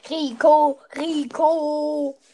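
High-voiced young female gamer, playful. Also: flat delivery, very slow, mellow. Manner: playful, sing-song chanting. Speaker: player. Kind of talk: casual gaming chat.

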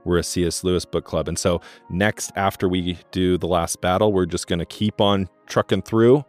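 A man's voice: sits low, steady tone, normal speed, faint music behind. A man co-hosting a podcast, explaining his thoughts on a book in a thoughtful, casual way. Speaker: podcast co-host.

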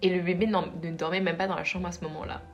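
A young woman telling a ghost story to friends in a casual, lively way, with dramatic pauses. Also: fairly low pitch, highs cut off, soft background music.

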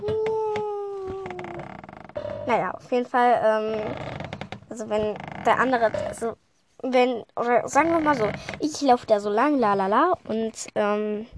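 Against a noisy background, a woman with a voice on the high side hosts a podcast in a casual, rambling way. She's hesitant, frequently apologizes and starts her sentences over, talking slowly with lots of fillers and letting thoughts trail off.

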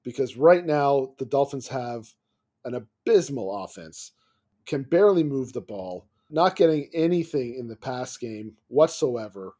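A man co-hosting a sports podcast, talking in long runs with restarts and getting animated and laughing when riled. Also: mid-range voice, a little slow. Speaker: podcast co-host. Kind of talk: casual sports podcast chat.

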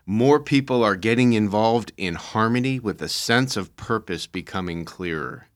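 A middle-aged man co-hosting a casual faith podcast discussion, playful and quick to laugh at himself. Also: lowish voice. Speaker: podcast co-host.

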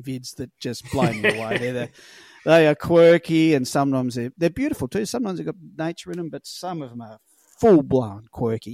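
A man's voice: mid-range voice, a little mellow, no echo, studio quality. An Australian man with a laconic, colloquial way of telling rambling stories in a casual podcast chat, swearing freely. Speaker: podcast guest, lure fisherman.

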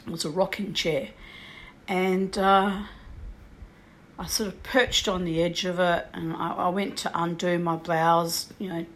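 A woman's voice: fairly low pitch, level tone, measured pace. Older woman rambling through a ghost story. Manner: rambling, many "you know" and "like" fillers, clears throat. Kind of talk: telling a personal ghost story.

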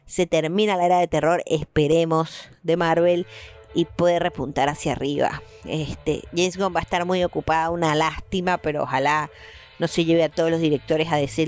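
A woman's voice: sits low, a little mellow. Emphatic Rioplatense woman reviewing films. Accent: Rioplatense Spanish. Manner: emphatic, repeats phrases for effect; passionate, blunt, swears freely. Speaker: film reviewer. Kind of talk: film review monologue.

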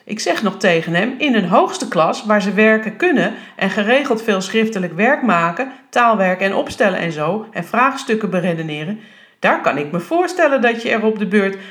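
A sharp-tongued schoolteacher who speaks out in heated indignation, as a woman reading a novel aloud voices her. She is blunt and quick to complain. This is a storybook reading in the reader's own, slightly raised voice. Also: medium pitch, expressive, lightly acted. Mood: indignant. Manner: heated, outspoken.

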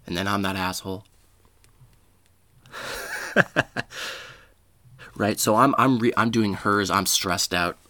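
A man's voice: lowish voice, moderate pace, few pauses, pushed and bright, no room sound. Male podcast host, rambling and foul-mouthed, self-mocking, dry close sound. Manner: rambling, profane, self-deprecating storytelling. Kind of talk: casual comedic monologue.

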